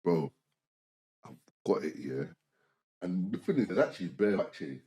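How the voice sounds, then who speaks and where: A young man co-hosting a podcast tells a story in casual slang, animatedly acting out and quoting the people involved. He has a deep voice and speaks at normal speed. The chat was recorded in an echoey room.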